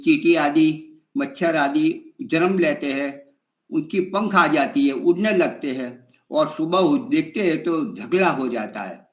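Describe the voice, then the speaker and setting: A man in his sixties giving a slow, reflective spiritual discourse, telling stories with pauses and fillers. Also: fairly high pitch, roomy sound. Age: 60s. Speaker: spiritual teacher.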